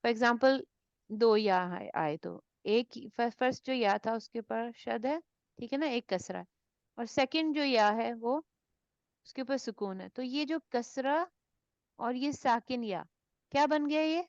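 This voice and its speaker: A woman's voice: a little high, dry recording. A woman teaching a tajweed class, explaining rules and often checking that the students follow, mixing two languages. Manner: checks understanding with frequent tag questions. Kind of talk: online class, mixing Urdu and English. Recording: dull lo-fi sound.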